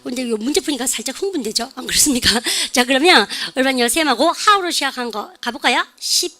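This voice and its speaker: A woman's voice: high-pitched, lively intonation, brisk, sharp tone. A woman with a Daegu Korean accent giving a chatty online English listening lesson and often asking her students questions. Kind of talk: online lecture.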